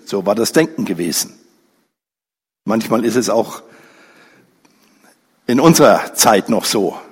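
A man's voice: expressive, breathy edge. A man preaching a sermon, telling a story dramatically and briefly acting out the people in it. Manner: slow, pausing delivery with wide pitch swings. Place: church hall. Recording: reverberant church hall.

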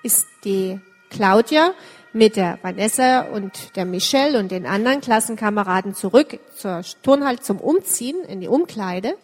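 A woman's voice: medium pitch, moderate pace. Woman telling a story in an echoey hall. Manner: lively, addresses children directly. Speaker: children's storyteller. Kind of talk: children's story in church.

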